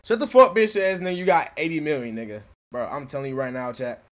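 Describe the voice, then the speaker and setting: A young man with a high, light voice, chatting loosely with his stream audience from a small bedroom. He reacts loud and joking, calling out to chat between laughs. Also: quick pace. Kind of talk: casual live-stream commentary.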